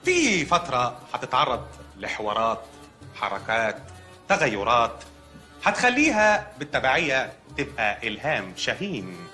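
An actor playing a calm, solemn doctor delivering absurd news in a comedy. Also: male voice, medium pitch, normal speed, soft background music. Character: deadpan hospital doctor, middle-aged man. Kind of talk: comedic film acting.

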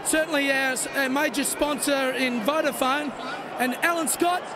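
An Australian man giving a halting speech on a stadium ground into a microphone. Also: very high voice. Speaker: presenter at trophy ceremony. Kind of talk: public speech. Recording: crowd and stadium noise behind.

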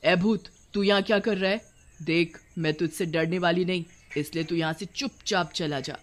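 A woman's voice: lowish voice, fairly even intonation, normal speed, natural voice. A young woman turned witch in a cartoon tale, full of grief and fire, as a woman plays her. She snaps at strangers and does not back down. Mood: bold. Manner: tearful, then scolding and fiery.

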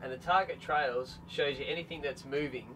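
A matter-of-fact Australian man in his thirties explains gear at an everyday pitch. He sits a little back from the mic, and music plays clearly behind him. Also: moderate pace. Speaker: product representative. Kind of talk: casual technical explanation. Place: open deck of a boat on a bay, outdoors. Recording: slightly distant from mic, music underneath.

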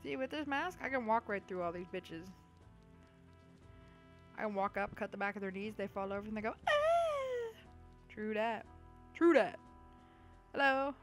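A woman's voice: mid-range voice, a little fast, pauses often, a bit bright, faint music behind. A young woman giving chatty, goofy gameplay commentary, swearing freely as she plays. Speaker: let's play host.

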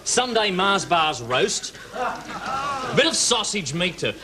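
On a TV kitchen set, an Australian man with a high voice takes his time through a mock cooking demo, his pitch swinging widely in a theatrical, mock-earnest comedy turn. The old TV sound is noisy, with a studio audience laughing and making noise, and clicks.

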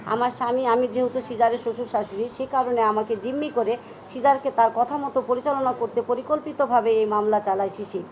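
A woman's voice: on the high side, steady tone, a little fast, darkish tone, a little hiss or hum. A middle-aged woman with a Bangladeshi Bengali accent speaking at a press conference, first reading a statement, then recounting events emphatically. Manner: emphatic, agitated retelling.

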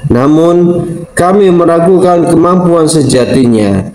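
A man's voice: fairly high pitch, measured pace, a little mellow, close to an everyday voice. A man doing scheming jealous courtiers. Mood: doubtful. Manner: doubtful, sly. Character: envious male palace advisors, scheming. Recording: roomy echo.

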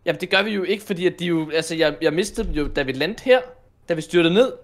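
A young man playing Minecraft in role-play with a friend, rambling and hesitant with many fillers, breaking into excited shouts. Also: fairly high pitch. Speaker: co-host of a gaming channel.

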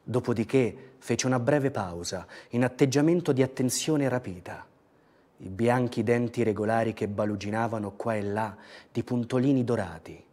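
Guy reading fiction aloud, slow and expressive, mid pitch. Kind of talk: dramatic reading of a novel.

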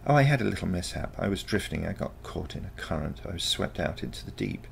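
A male reader acts out a confident teenage granddaughter from a storybook future, using a full character voice that sits low and moves fast. His lively, swooping delivery carries heavy creak but stays matter-of-fact and unconcerned as storybook character dialogue. Clear noise can be heard behind it.

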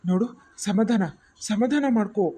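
A woman voicing a calm, caring young husband in a cartoon, who speaks in a soothing, reassuring way. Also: medium pitch, normal speed, very noisy, lightly acted.

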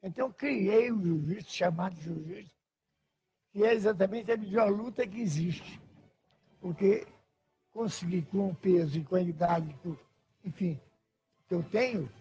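An older man speaking slowly and deliberately in an archival television interview, with a husky voice. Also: sits high, mellow. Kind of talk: recorded interview.

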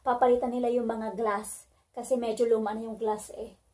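A woman's voice: fairly high pitch, flat delivery, normal speed, a little mellow. A woman in her thirties chatting to a handheld phone camera as she vlogs about her day at home and in the backyard. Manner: chatty, talks to camera while doing chores. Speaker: vlogger. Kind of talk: casual home vlog. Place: house and backyard.

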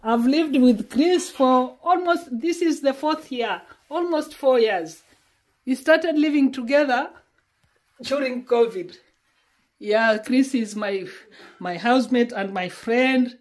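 The audio is poor, but you can hear a woman's high, slow voice. She is a Kenyan vlogger around sixty, casually talking to a phone camera at arm's length inside her small home, pleading and going over the same words again.

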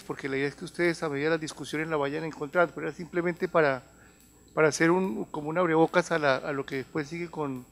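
A Colombian man in his fifties, an advisor to a health organization, gives a conference talk in a large room through a handheld or table microphone. His voice is a bit bright and slightly higher than most men's. Semi-formal, he explains point by point, often halting and repeating a phrase before moving on.

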